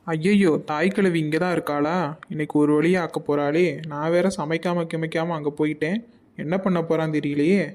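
A woman's voice: low voice, steady tone, fairly quick, darkish tone, natural voice. A woman as a flustered young mother. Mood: worried. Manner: apologetic, pleading. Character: flustered young mother, respectful daughter-in-law. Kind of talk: cartoon voice acting.

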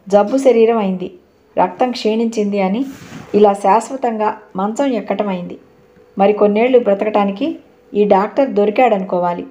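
A woman's voice: medium pitch, warm tone, lo-fi sound, lightly acted. Frail bedridden aunt, as a woman reads her. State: weak, short of breath.

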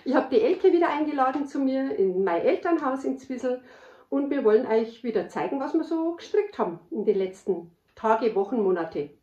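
A woman from the Bavarian Forest with a Bavarian accent, chatting loudly and laughing as podcast host. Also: sits high, expressive, normal speed. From Bavarian Forest, Germany. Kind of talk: casual chat. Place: indoors at her parents' house. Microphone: camera microphone. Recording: roomy, dull camera-mic sound.

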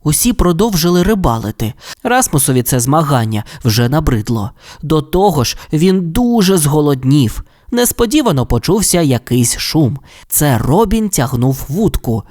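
Expressive storyteller man. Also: a little high, normal speed, hardly any pauses. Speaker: narrator. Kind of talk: children's audiobook narration.

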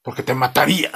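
A man voicing a hot-tempered cartoon father who yells insults at his kids, pitched high and shouting. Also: gravelly, breathy edge, heavily acted.

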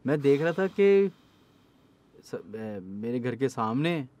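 A man's voice: mid-range voice, big pitch swings, slow, darkish tone. Earnest man telling stories. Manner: earnest storytelling, slips into English phrases. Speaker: horror storyteller guest. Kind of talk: casual podcast conversation.

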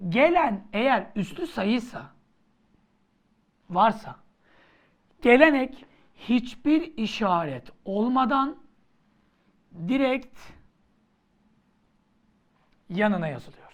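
A woman teacher running an exam-prep grammar lesson in a theatrical style. She talks slowly and deliberately, her high voice swinging widely, and breaks into playful scolding and sudden shouts.

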